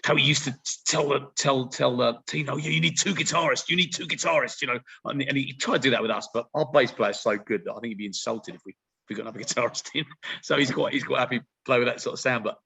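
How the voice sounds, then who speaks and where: Fast-talking gravelly British host. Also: male voice, medium pitch, sharp tone. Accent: British English. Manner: chatty, stumbling repetitions. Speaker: interview host. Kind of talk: casual interview chat.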